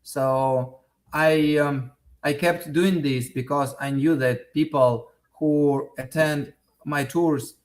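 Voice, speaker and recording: A man in his thirties, a native Russian speaker with an accent to match, gives hesitant interview answers marked by restarts and fillers. He speaks in a somewhat high voice with fairly even intonation.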